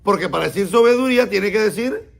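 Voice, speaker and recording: A man, a rabbi, teaching a Bible class, explaining words slowly and asking his students questions. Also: high voice, expressive, gravelly. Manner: stresses and repeats key words slowly.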